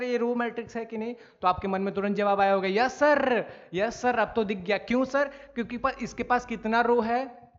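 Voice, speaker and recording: A man teaching a maths lesson, asking and answering his own questions and often repeating key points. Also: high voice. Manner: calls students "sir", "bhai". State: coughing now and then. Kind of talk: classroom lecture. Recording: dull lo-fi recording.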